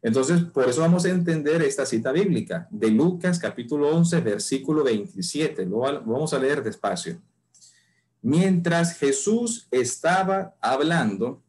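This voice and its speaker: Guy preaching a bible lesson, kinda high voice, reads the verses slow and punchy, asks questions then answers them. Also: darkish tone. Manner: slow emphatic reading of scripture, rhetorical questions.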